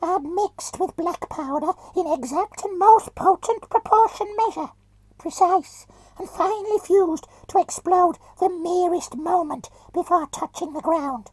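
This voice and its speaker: A man's voice: unhurried, darkish tone, no echo. A man voicing a boastful male ratman engineer whose whining, broken speech is muffled by a mask. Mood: gloating. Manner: gloating, shrill, broken grammar.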